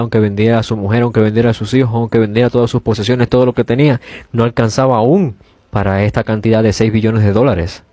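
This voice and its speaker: A man's voice: fairly low pitch, mellow, no echo. A man preaching a sermon, retelling a parable in an earnest storytelling manner with much repetition.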